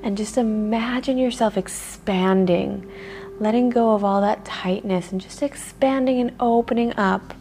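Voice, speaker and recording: A woman leading a guided meditation in a soft, soothing way, with breathy pauses. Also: on the high side, slight background noise.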